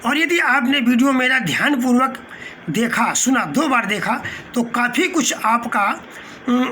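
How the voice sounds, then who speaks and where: A patient male teacher explaining slowly. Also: very high voice, animated, pushed and bright, slight background noise. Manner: patient and explanatory, glossing Hindi terms with English words; pauses mid-phrase with short fillers. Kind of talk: spoken lecture.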